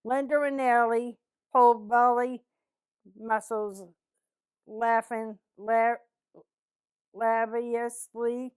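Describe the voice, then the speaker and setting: Older boston lady in her 70s, boston accent, takes her time, really clear smooth voice. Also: on the high side, little pitch movement, very slow, pauses often, no room sound. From East Boston, Massachusetts, USA. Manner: plainspoken, short blunt answers. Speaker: interviewee. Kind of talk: reading test sentences and answering interview questions.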